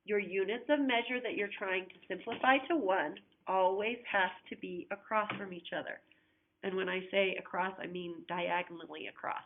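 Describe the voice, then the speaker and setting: A woman math teacher with a medium-pitched voice patiently guides students through unit conversions one step at a time, speaking at a normal speed and asking them to check along. She coughs repeatedly throughout this recorded flipped-classroom lesson. The audio sounds tinny, like it came through a phone.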